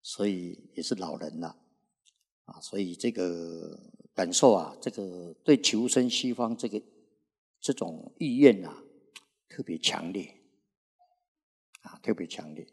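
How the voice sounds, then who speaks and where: An older Buddhist monk in his sixties preaches slowly, with long "ah" fillers between his phrases. His voice is low, gravelly and husky, and it carries a long reverb, as though recorded in a large hall. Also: darkish tone. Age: 60s. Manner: unhurried preaching, frequent drawn-out "ah" fillers. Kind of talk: Buddhist sermon.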